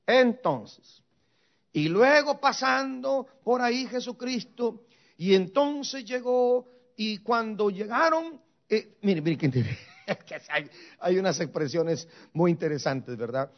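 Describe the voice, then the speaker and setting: High, lively male preacher, muffled recording. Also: slow pace. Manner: preaching with rhetorical questions and repeated refrains. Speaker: pastor and seminary teacher. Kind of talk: sermon.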